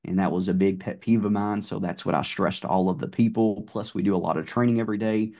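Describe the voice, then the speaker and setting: This time the same kind of speaker talks fast: a middle-aged man with a Southern drawl and a rather low voice, a car sales manager guesting on a laid-back podcast. His storytelling is easygoing and filled with ums and you-knows.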